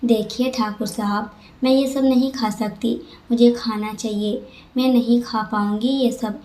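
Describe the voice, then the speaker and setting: Brief: spoiled young woman, whiny and sulky, high voice, echoey room, read by a woman. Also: steady tone, a little slow, dark tone, lightly acted. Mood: complaining. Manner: whiny and complaining. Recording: roomy echo.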